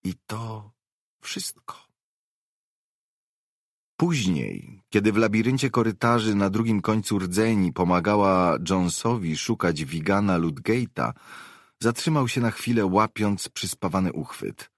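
A man narrates an audiobook with a very deep, low voice. His reading is calm and measured. The recording is close and completely dry, with no room sound. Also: no echo.

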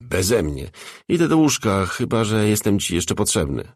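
A man's voice: fairly low pitch, sing-song, normal speed, no room sound, studio quality. A man voicing a fussy, evasive house manager.

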